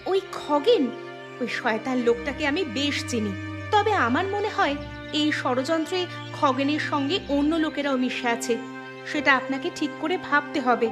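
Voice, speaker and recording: Woman playing an earnest, high-voiced cartoon village girl. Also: moderate pace, music in the background, natural voice. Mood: indignant, resolute. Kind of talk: cartoon voice acting.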